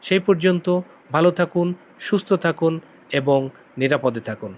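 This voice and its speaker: A man teaching phrases, his voice sitting high. He speaks very slowly and says every phrase twice or more, stretching the words out for learners to copy. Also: animated. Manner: repeats each phrase slowly, drawing out words. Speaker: language teacher. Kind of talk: slow repeat-after-me lesson.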